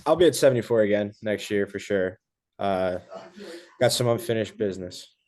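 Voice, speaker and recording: A young man, a college wrestler, giving short, relaxed answers with fillers as a guest on a casual podcast. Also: fairly low pitch, normal speed. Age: young adult.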